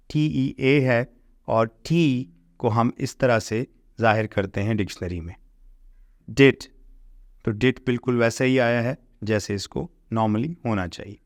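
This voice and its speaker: A man with a Pakistani accent teaching an English lesson, explaining patiently and reading English lines slowly and carefully. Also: medium pitch, no room sound.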